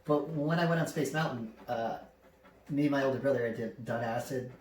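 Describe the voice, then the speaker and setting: A man's voice: medium pitch, brisk, far from the mic. Brief: podcast co-host, man, casual swearing storyteller, off-mic in an echoey room with faint hiss. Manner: laughs a lot, swears freely, animated when telling stories.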